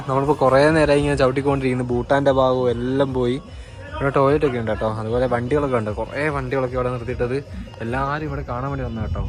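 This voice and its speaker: A man travel vlogger casually narrating outdoors while walking through hills and a market, chatty and guiding viewers. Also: medium pitch. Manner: chatty, guiding viewers, often tags sentences with "you know". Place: outdoors on a tea estate, hills and a village market.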